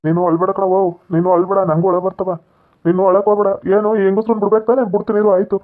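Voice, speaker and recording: A man playing a childish, lovesick madman son in a village comedy skit, insisting and whining fast. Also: sits high, level tone, natural voice. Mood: coaxing. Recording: tinny phone-like lo-fi audio.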